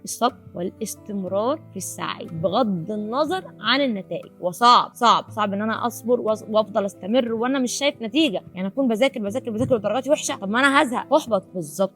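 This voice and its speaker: A young woman with an Egyptian accent giving students motivational study advice, mixing English words into her Arabic and repeating key points. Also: a little high. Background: faint music.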